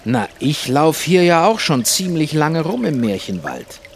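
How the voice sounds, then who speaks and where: A man's voice: fairly high pitch, measured pace, a little hiss or hum. A man presenting a children's radio show, cheerful and playful. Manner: cheerful and playful, with lively intonation.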